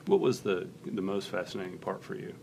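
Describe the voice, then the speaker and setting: A man's voice: low-pitched, lively intonation, fairly quick, gravelly, a little mellow, a little hiss or hum. A man interviewing a guest in a casual live-stream chat, asking light, playful questions.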